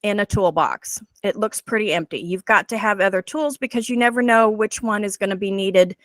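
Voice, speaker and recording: A woman's voice: medium pitch, fairly quick, dry recording. A woman in her forties, a guest presenter telling her personal story in an earnest, heartfelt way over a video call.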